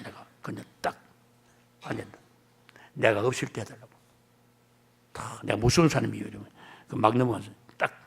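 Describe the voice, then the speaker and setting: A man's voice: mid-range voice, gravelly, slightly rough. An older man with a Gyeongsang accent preaching a revival sermon and prayer in a church, in a folksy, emphatic cadence. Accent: Gyeongsang Korean. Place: church sanctuary.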